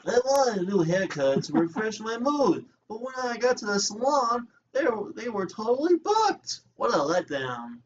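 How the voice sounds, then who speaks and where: A man's voice: high voice, very animated, moderate pace, hardly any pauses, pitched above the performer's own voice. A man voicing a chatty animal villager, reading out little everyday game fortunes in character. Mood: let down. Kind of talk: game text read aloud in character. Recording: distant, dull mic with faint noise.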